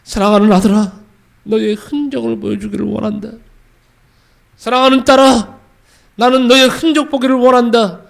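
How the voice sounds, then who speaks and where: The Lord speaks in a solemn, fatherly tone, raised slightly and full of weight, as a male pastor puts him on. The voice sits fairly high. It is heard in a sermon. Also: steady tone, moderate pace, gravelly, long pauses. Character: Jesus as a loving, solemn divine Lord.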